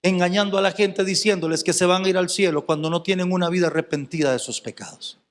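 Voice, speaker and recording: A man's voice: high-pitched, fast talker, long reverb tail. A male pastor preaching a fervent sermon, firing rhetorical questions at the congregation.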